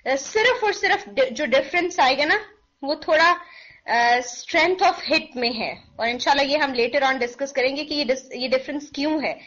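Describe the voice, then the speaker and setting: In a dull lo-fi recording, a woman with a high-pitched, fairly bright voice leads an online lesson on recitation pronunciation. She is patient and draws sounds out to demonstrate, though a sore throat makes her clear it again and again.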